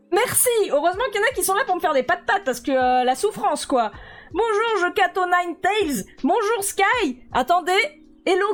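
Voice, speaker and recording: A woman with a very high voice greets her live-stream chat, playful and full of exclamations. She pleads with her viewers in mock despair. Faint music plays behind her.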